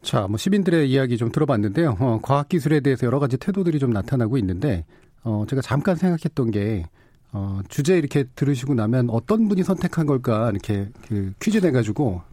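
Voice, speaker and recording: A man's voice: medium pitch, sing-song, fairly quick, mellow, no echo, clean studio sound. A man speaking as a public radio host, introducing and moderating a debate show from a script.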